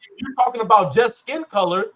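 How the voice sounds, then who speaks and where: A man's voice: high-pitched, a little fast, a bit bright, slight background noise. A man hosting a podcast panel, arguing and challenging the other guests in a heated debate. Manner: argumentative, challenging. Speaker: podcast host.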